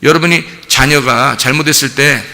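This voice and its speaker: A male pastor preaching a sermon with animated delivery, often firing rhetorical questions at the congregation. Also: mid-range voice, moderate pace, long reverb tail. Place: church sanctuary.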